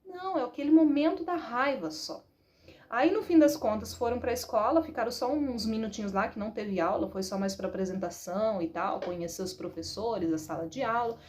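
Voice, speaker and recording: A Brazilian woman in her thirties talks about raising her children in a casual storytelling manner. Her voice sits a little high, and she is animated and chatty, often adding "né". A faint ambient hum stays under her voice. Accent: Brazilian Portuguese. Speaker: parenting talk host, mother.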